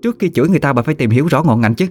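A man voicing a sharp-tongued young village aunt who answers back briskly. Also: medium pitch, lively intonation, soft background music, voice pushed up, close to an everyday voice. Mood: retorting. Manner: brisk, retorting.

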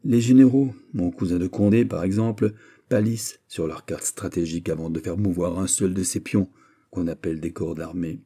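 A man's voice: sits low, moderate pace, mellow, slightly rough. A man voicing a young king who banters gallantly in an audiobook reading. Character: playful, lovestruck young king.

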